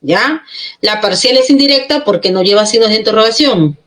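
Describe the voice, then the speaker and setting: A woman teaching a grammar lesson who explains step by step and keeps checking in with quick questions. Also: mid-range voice, animated, fairly bright tone. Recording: echoey room.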